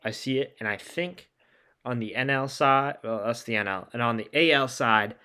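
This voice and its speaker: A man's voice: medium pitch, moderate pace, pushed and bright, clean tone. A man hosting a podcast, talking sports in a casual, enthusiastic way. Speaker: podcast host.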